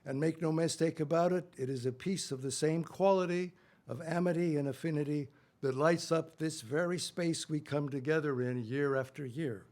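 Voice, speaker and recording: An older man giving a solemn, deliberate reading at a memorial event, with measured phrasing. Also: fairly high pitch, darkish tone. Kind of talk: solemn reading of a poem aloud.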